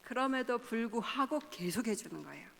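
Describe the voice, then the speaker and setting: A woman in her fifties, a pastor's wife, giving a parenting seminar at church. She speaks in an animated way, often acting out the lines she quotes and laughing as she talks. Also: a little high, fairly quick, creaky, a little hiss or hum. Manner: animated, acts out quoted dialogue. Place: church hall. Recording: long hall reverb.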